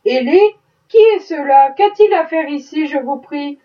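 A woman's voice: sits high, normal speed, natural voice. A woman reading the part of a pious, indignant plantation wife, pleading in earnest. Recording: muffled, distant mic.

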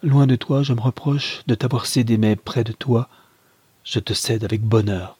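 A man's voice: medium pitch, moderate pace, a little mellow, husky, no room sound. A man reading aloud voices an impassioned young mother, torn between her lover and her child, with a pleading, breathless manner. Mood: tender.

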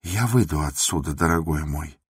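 An actor playing a timid aging male doctor who is trembling and pleading, with a husky voice, in a radio drama. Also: very deep voice, normal speed, no room sound, studio quality. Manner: pleading, shaky.

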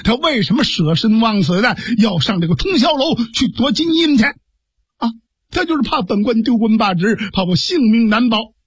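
A man's voice: very high voice, very animated, moderate pace, breathy edge, no echo, exaggerated voice. A male storyteller voicing a grief-stricken imperial official who speaks in a weary, subdued way.

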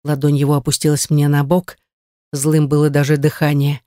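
A woman narrating a novel in the first person, reading in a steady, even manner. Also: low voice, moderate pace, no echo, studio quality. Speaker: audiobook narrator.

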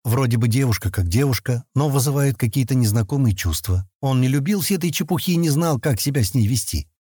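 A male audiobook narrator with a mellow, slightly husky voice and a lively, animated melody. He tells the story in a calm, expressive way, close to a dry mic. The sound is intimate and dry, with no room echo. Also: mid-range voice, fast. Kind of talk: audiobook reading.

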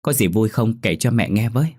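A desperate young mother in an audio ghost story, as a male narrator plays her. Her lines come low, close and dry, urgent and pleading. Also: expressive, brisk, a little mellow, breathy edge, dry recording. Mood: tender.

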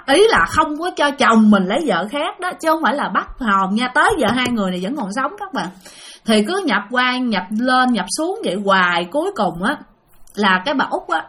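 A woman's voice: fairly high pitch, a bit bright. A woman telling a ghost story in a chatty, dramatic way, speaking straight to her listeners. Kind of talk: casual ghost-story narration.

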